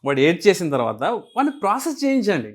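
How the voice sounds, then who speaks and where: A man explaining emotions in an interview, asking and answering his own questions in an animated way. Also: sits high, quick pace. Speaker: guest speaker on emotions.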